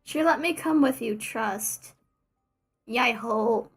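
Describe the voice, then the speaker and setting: A woman's voice: fairly high pitch, takes it slowly, husky, faint music behind. A woman streaming a game live, chatting casually in a rambling, self-mocking, joking way. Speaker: VTuber streamer. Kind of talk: casual live gaming chat.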